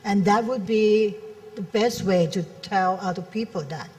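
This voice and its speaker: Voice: mid-range voice, measured pace, a little mellow. Conference panelist: frank, advisory, stumbles and repeats; sounds distant from the mic in a large hall. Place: convention hall.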